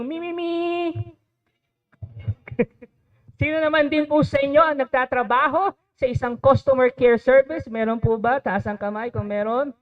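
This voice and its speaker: Filipino guy, high voice, lively seminar talk mixing tagalog and english, muffled lo-fi sound. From Philippines. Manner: animated, mixes Tagalog and English, quizzes the audience. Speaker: motivational speaker. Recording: dull lo-fi recording.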